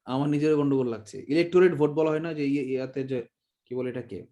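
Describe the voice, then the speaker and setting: A man's voice: mid-range voice, quick pace, dark tone. Joking Bangladeshi man teaching a class. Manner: chatty, joking, demonstrates pronunciations. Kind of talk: online exam-prep class. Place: online class call.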